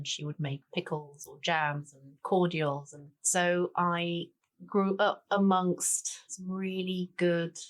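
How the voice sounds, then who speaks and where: In a relaxed conversational interview, a woman in her forties who was born in Denmark and grew up in Tanzania chats easily as a guest chef and cookbook author. Her voice sits low, and she fills her speech with "sort of" and "you know."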